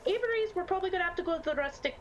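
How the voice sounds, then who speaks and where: High-voiced chatty woman gamer. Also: animated, racing, lo-fi sound, music in the background. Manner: chatty, laughs often. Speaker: player. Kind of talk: tabletop roleplay chat.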